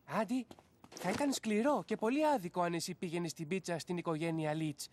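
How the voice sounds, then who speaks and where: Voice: mid-range voice, a little mellow, slight background noise, close to an everyday voice. An actor voicing a goofy, easygoing teenage sidekick boy in a cartoon dub. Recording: cartoon music behind.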